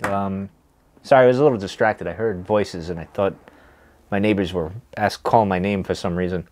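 A man's voice: sits low, fairly quick, a little mellow. Laid-back man chatting casually between cigar puffs. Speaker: cigar and pipe tobacco reviewer. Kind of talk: casual chat to camera. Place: small wood-paneled room, indoors.

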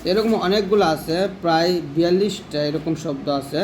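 A man with a high voice teaches a lesson on Quran pronunciation. He chants each Arabic phrase slowly and drawn out, then explains its meaning in plain, direct talk. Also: noisy background. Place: home.

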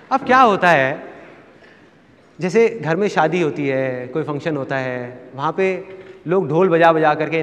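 A man telling a personal story to a live seminar audience, animated and acting out his family members' voices. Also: a little high. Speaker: motivational speaker. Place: stage in a hall with a live audience. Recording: long hall reverb.

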